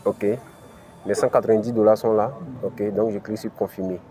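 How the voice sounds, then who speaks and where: Speaking briskly in a fairly low, steady, mellow voice, this man hosts a crypto channel and narrates a screen-recorded tutorial one step at a time. He has an African French accent and leans heavily on "ok" and "voilà," while faint music sits in the background.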